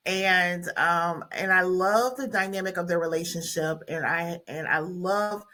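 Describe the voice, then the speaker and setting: A woman's voice: on the low side, a little slow, bright, forceful tone. A middle-aged woman hosting a podcast, talking casually with her nieces, with many fillers and restarts. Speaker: podcast host. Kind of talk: casual family conversation.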